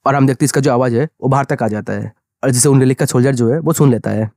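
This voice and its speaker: A man narrating a manga story recap in a brisk, conversational way. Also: medium pitch, a little mellow, dry recording, studio quality.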